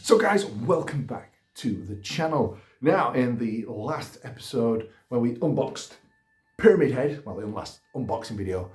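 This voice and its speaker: In a casual gaming video, a male YouTuber host rambles and chats in a self-deprecating way. He has a mid-range, darkish voice, and the recording has a roomy echo.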